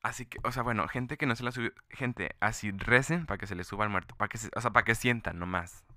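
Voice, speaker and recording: Young Mexican man, casual podcast host, rambling and chatty; clear bright tone, dry close sound. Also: lowish voice, fast, no echo. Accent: Mexican Spanish. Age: young adult. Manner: rambling, full of fillers and restarts. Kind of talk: casual monologue.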